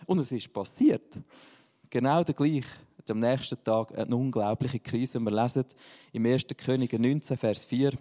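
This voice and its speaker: A man's voice: medium pitch, moderate pace, mellow, long reverb tail. A man, preaching a sermon in a casual, joking style. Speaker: pastor.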